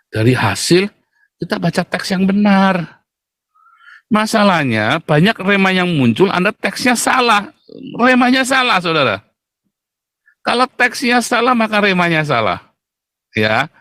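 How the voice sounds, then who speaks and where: A middle-aged man, preaching a fiery sermon in a blunt, mocking, booming way. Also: very animated, unhurried, long pauses, fairly bright tone, no echo. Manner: blunt, mocking, booming, addresses listeners as "saudara".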